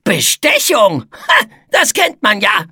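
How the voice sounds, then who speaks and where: A woman's voice: mid-range voice, huge pitch swings, slow, pushed and bright, husky, no room sound, clean studio sound, voice pushed up, heavily acted. A woman voicing a grumpy male bug who growls and garbles his words in a storybook reading.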